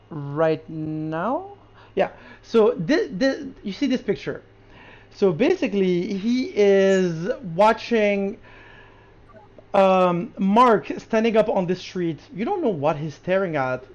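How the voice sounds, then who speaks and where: A podcast co-host reviewing a show in casual chat, excited and quick, with many restarts. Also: mid-range voice. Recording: lo-fi podcast audio.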